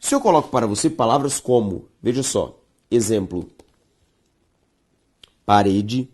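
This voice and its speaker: A woman with a Brazilian Portuguese accent teaching a grammar lesson, stressing key words slowly and speaking straight to her viewers. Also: very deep voice, expressive, a little mellow, breathy edge. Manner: emphatic, drawn-out stressed words, addresses viewers directly.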